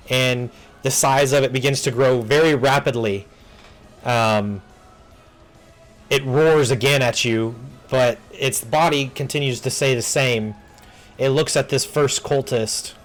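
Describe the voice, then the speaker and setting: A man with a mid-range voice narrates a tabletop game as game master. He is unhurried and loose, often pausing with ums and uhs.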